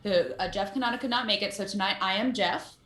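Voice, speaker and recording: A woman hosting a live-streamed tabletop game, with a playful, lively manner. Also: mid-range voice, quick pace, reverberant. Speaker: host.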